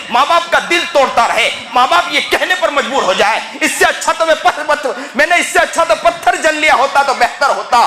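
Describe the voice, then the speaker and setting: A high-pitched, bright-toned male preacher delivers an impassioned sermon, swelling into shouts as he acts out pleading parents and children. His voice rings around an echoey mosque hall. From India.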